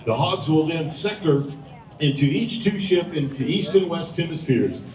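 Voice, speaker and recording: A man's voice: a little high, lively intonation, moderate pace, a little mellow. A man giving emphatic, scripted airshow commentary like an announcer over a public address system. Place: outdoor airshow over loudspeakers. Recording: echoey PA, heard from far off.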